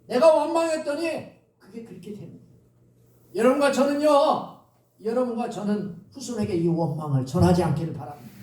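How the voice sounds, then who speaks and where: A man's voice: high-pitched, brisk, dark tone. A man preaching a sermon as pastor, speaking to the congregation and drawing responses from them. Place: church sanctuary. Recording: echoey church recorded from a distance.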